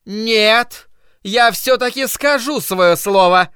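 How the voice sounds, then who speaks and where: A fanatical old woman preaches doom in a high, piercing voice, stretching every word slowly and calling down judgment, as a male storybook narrator puts her on. Her words ring out clean and crisp in a dry space, with soft music underneath. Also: no room sound. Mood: frenzied. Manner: slow, drawn-out, preaching and shrill.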